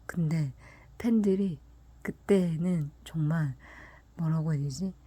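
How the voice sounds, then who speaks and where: A woman telling a personal story in a casual, soft, half-whispered way, often breaking into laughs. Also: low voice, takes it slowly, breathy edge, no echo. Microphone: close mic, voice only.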